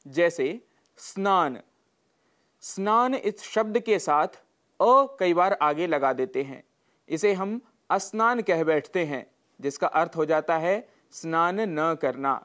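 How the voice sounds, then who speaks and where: In a scripted broadcast, a Sanskrit teacher presents a lesson in a medium-pitched voice. The delivery is measured and instructive, with every word deliberately and carefully pronounced.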